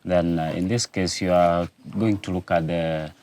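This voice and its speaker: A man's voice: sits low, fairly even intonation, moderate pace, darkish tone. A man, a teacher summing up a lesson point in a hesitant way. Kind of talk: exam revision explanation.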